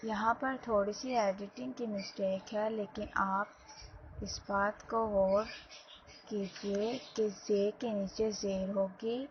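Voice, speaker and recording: A woman teacher giving a slow, explanatory lesson and speaking directly to her students. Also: mid-range voice, fairly even intonation. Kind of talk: classroom lesson. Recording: dull lo-fi sound, faint background noise.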